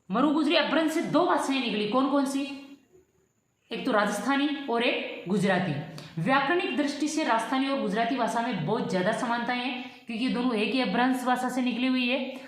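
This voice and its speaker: A woman teaching an exam-prep lesson, posing questions to her students and answering them herself. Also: high-pitched. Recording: very echoey room.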